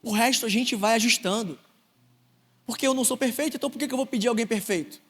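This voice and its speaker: A man's voice: extremely high pitch, fast talker, a bit bright, breathy edge. A young man with a Rio de Janeiro Brazilian accent preaching a sermon, telling earnest personal stories with rising emphasis. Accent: Brazilian Portuguese, Rio de Janeiro. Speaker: deacon preaching. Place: large church hall. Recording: long church reverb.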